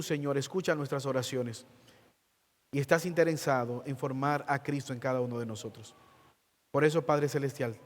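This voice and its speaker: A man who is a pastor, preaching a sermon slowly and earnestly and then leading a prayer, stretching out key words. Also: fairly high pitch, in a large hall. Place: church.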